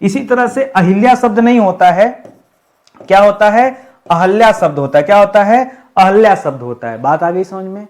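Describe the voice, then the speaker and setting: A man's voice: high-pitched, normal speed, a little mellow. A young man teaching Hindi for an exam, drilling spellings by asking a question and answering it again and again. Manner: drills students with repeated questions; addresses viewers as friends. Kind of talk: exam-prep lecture.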